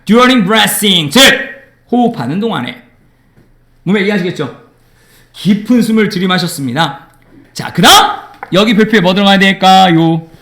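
A man teaching an English grammar lesson in a classroom, lively and teasing with his students. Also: high voice, normal speed, pauses often.

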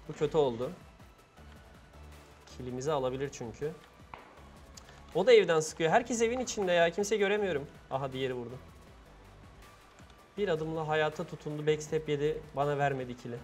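A man giving chatty, excitable live commentary on his own gameplay, laughing often, on a gaming headset. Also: on the high side. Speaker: guest gamer.

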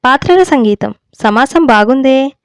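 An earnest, dreamy husband in a storybook who is set on becoming a writer, as a woman reading the tale voices him. He talks seriously about his plans in a smooth, fairly high voice on a dry, close recording. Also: lively intonation, a little slow, no room sound. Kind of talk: audiobook storytelling.

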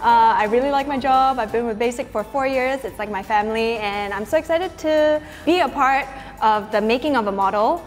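A woman's voice: on the high side, brisk, hardly any pauses, in a large hall, faint music behind. A woman actress and host introducing herself to trainees, upbeat and giggly. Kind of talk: self-introduction on camera. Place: studio set, seated.

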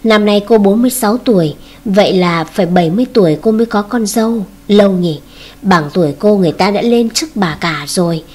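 A spoiled, scornful young woman from a read-aloud story, as a woman narrator puts her on. Her talk swings between mocking and whiny begging. The voice sits at a middle pitch with a husky edge. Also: brisk, a little mellow, lightly acted.

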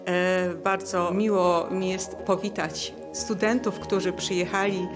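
A woman's voice: fairly low pitch, level tone, a little slow. A woman hosting an exhibition opening, giving a formal welcome speech. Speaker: exhibition host. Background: music.

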